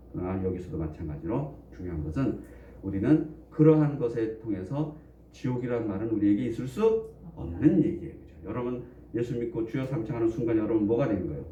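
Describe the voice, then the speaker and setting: Dark-voiced male pastor in an echoey church. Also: lowish voice, slight background noise. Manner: conversational, often asks the congregation questions; jokes and chuckles between points. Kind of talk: sermon. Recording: echoey room, distant dull mic.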